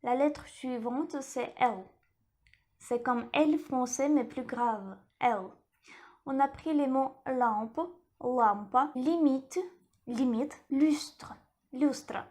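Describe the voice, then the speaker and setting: A woman teaching a lesson in French, repeating each word slowly and carefully. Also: high voice, dark tone. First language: Russian. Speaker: language teacher.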